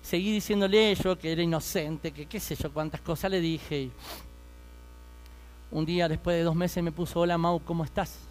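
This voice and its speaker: A man's voice: fairly high pitch, fairly even intonation, normal speed, a little hiss or hum. A man in his thirties with an Argentine accent, telling his life story as a fervent preaching testimony and speaking straight to his listeners. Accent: Argentine Spanish.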